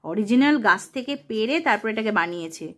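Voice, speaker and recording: A woman's voice: medium pitch, lively intonation, fairly quick. A woman chatting playfully with a small child, coaxing and teasing in a sing-song way. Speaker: caretaker filming a child.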